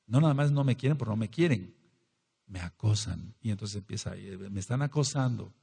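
A man preaches a sermon with an earnest teaching manner, repeating key words to drive them home. His voice is husky and dark. The room rings with a long hall reverb. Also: mid-range voice. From Mexico. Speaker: congregation leader and teacher.

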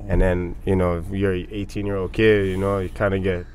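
Chill guy in his 30s, pretty low voice, easygoing podcast guest talk, little bit of hiss. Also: little pitch movement, brisk. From born in Indonesia, raised on Maui, Hawaii. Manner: laid-back, laughs often, trails off softly. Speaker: guest, MMA fighter. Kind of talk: casual podcast interview. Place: podcast studio with red curtains. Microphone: headset and desk podcast mic.

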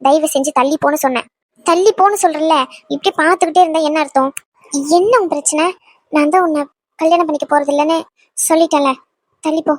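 A woman's voice: sits high, fairly even intonation, fast talker, pauses often, no echo, natural voice. A woman voicing a young woman who firmly tells a pushy ex-lover to back off, in a cartoon dub. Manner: firm, scolding. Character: young woman turning away her pushy ex.

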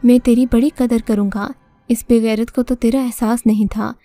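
A woman's voice: a little high, little pitch movement, mellow, no echo, faint music behind, natural voice. A woman doing a drunken, bullying brute of a man. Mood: coaxing. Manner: coaxing, then bullying. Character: crude, drunken male debt collector, menacing.

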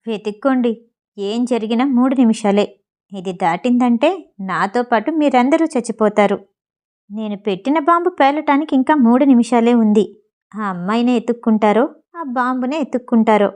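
A woman's voice: on the high side, normal speed, a little mellow, close to an everyday voice. Woman voicing a scheming, commanding old uncle. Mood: threatening. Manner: commanding, sneering. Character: scheming older man, the hero's uncle.

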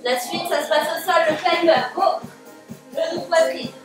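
A high-voiced woman leads a home workout as a fitness coach, giving short, motivating instructions. She is recorded from across a very echoey living room, with music behind her. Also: fairly even intonation, moderate pace, far from the mic. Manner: motivating, calling out short commands and counts. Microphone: distant camera microphone.

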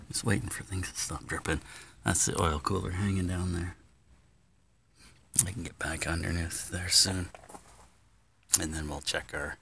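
A man's voice: low voice, gravelly. Chatty middle-aged man vlogging outdoors. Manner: chatty, explaining as he goes, often hushed. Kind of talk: casual running commentary. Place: in a car and outdoors in a driveway. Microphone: handheld or dash-mounted camera. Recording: noisy outdoor and road sound.

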